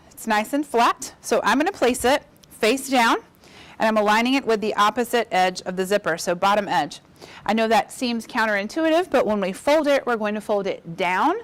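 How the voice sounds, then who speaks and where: A woman giving an upbeat, chatty embroidery demonstration, encouraging viewers as she works. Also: on the high side. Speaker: embroidery instructor. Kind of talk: casual demonstration.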